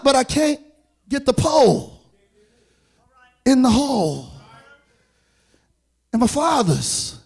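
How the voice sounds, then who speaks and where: A man's voice: a little high, a little mellow. A man preaching a sermon with a rhythmic cadence and repeated call-outs to the congregation.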